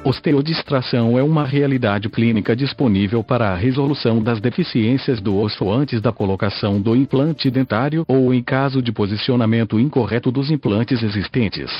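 A synthetic text-to-speech man's voice with a Brazilian accent, reading a scripted podcast narration in a mechanical, measured way. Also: mid-range voice, husky, lo-fi sound. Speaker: podcast host.

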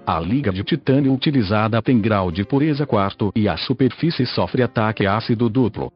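Brazilian male podcast narrator, old text-to-speech synthesizer sound, mechanical read, slightly husky, muffled recording. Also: medium pitch. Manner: stiff, mechanical reading. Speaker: podcast host. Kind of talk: scripted narration, reading an article aloud. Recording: muffled lo-fi audio with music.

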